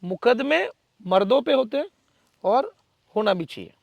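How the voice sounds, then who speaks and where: A man answers interview questions in a forceful, defiant manner, pressing his points with emphatic rhetorical questions. His voice sits high and carries a gravelly rasp. The recording is dry, with no room echo. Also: big pitch swings, a little slow, lo-fi sound. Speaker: local political figure, interviewee.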